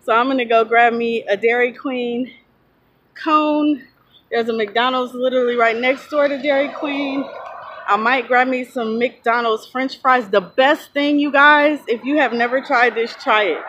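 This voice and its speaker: A woman in her thirties who drives trucks talks casually to her phone camera, held at arm's length, outdoors in a parking lot. Her voice is a little high and her tone steady, at a measured pace, with background noise behind her. She rambles and chats, sometimes losing her train of thought.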